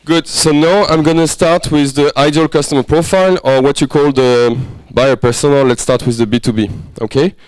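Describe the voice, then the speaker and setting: A French-accented man leads an interactive business workshop in a workshop room, speaking casually and in a friendly, conversational way while frequently checking that the group follows along. His voice is on the high side and darkish, with fairly even intonation, normal speed, and hardly any pauses. The recording is rough but has no echo.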